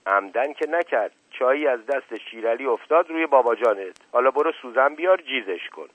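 A man's voice: medium pitch, lively intonation, slightly rough, no echo, pitched above the performer's own voice. A man voicing a witty, mocking middle-aged prince who teases and scolds in a raised, sarcastic voice, over a muffled phone-like radio line. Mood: scolding.

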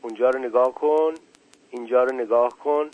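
A man voicing a curious, excitable young male chick in a storybook reading, calling out eagerly. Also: mid-range voice, narrow, tinny audio, natural voice. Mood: excited, curious. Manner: eager, exclaiming.

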